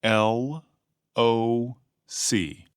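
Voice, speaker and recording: A man reading out words for an English lesson, slowly and with deliberate enunciation. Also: mid-range voice, fairly even intonation, clear, resonant tone, no room sound, clean studio sound. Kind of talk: slow word-by-word lesson reading.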